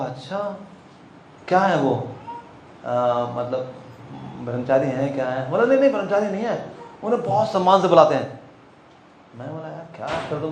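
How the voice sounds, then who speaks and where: Animated male storyteller in echoey hall. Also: a little high. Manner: animated, acts out dialogues, laughs often. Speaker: monk telling book distribution stories. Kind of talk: storytelling talk to a group. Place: temple hall. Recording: echoey hall, faint background noise.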